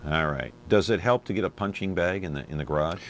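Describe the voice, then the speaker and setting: A man's voice: low-pitched, fast, a little hiss or hum. A man hosting a talk show in casual studio chat, hesitant and full of fillers, asking questions.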